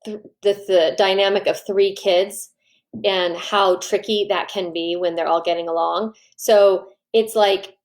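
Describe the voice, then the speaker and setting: A woman coaching parents in a live online training, chatty and lively, often acting out what parents and kids say. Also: mid-range voice, unhurried. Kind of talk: live online training, answering viewer questions.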